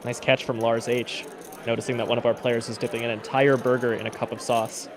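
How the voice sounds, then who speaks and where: A man's voice: mid-range voice, flat delivery, fairly quick, crowd noise. A man giving live poker commentary as a stream commentator, explaining the play in an analytical way. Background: poker players chattering.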